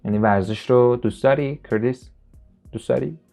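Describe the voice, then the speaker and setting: A man whose first language is Persian, teaching an English listening lesson and slowly repeating English phrases for his students. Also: mid-range voice, vocal fry, warm tone, faint music behind. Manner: slow, drawn-out repetition of English phrases.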